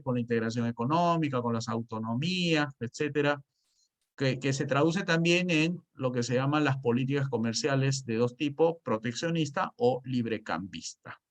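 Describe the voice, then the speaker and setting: A man's voice: medium pitch, a bit bright. A man teaching an economics class, asking himself questions and answering them, with frequent hesitations and restarts. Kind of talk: spoken lecture.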